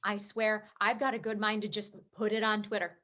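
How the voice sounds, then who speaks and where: A woman playing a heartbroken, sharp-tongued young sports reporter in a comedy play reading over a video call, swinging into emotional, sarcastic outbursts. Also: mid-range voice, level tone, moderate pace, natural voice. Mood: angry.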